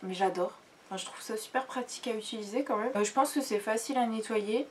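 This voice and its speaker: A woman's voice: fairly high pitch, fast. Chatty young woman, distant camera mic. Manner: chatty, rambling, many fillers and restarts. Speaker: beauty vlogger. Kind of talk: casual product review. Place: bedroom, sitting on her bed. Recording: distant camera mic with faint room noise.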